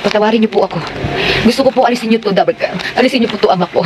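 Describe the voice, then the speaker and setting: A woman's voice: medium pitch, very fast, background noise. A woman vlogger talks in a confessional way to her followers, calling them by a pet name, with a lot of restarts and rambling. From Philippines. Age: adult with daughters. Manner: confessional, repeatedly calls the viewers "Dabarkads". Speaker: online seller and vlogger. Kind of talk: heartfelt talk to followers.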